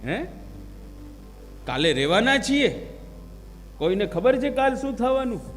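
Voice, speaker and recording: A man's voice: very high-pitched, very animated, a little slow. A man giving a devotional sermon, telling stories and asking rhetorical questions of his listeners. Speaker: religious preacher. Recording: long hall reverb with faint music.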